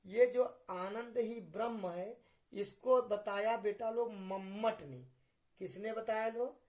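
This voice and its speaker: Man teaching a class at a slow, deliberate pace, fond of asking students to repeat each key term. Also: sits high, a little mellow. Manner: addresses students as children, repeats key terms as quiz questions; spells out and dictates terms slowly. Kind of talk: Hindi literature lesson for students.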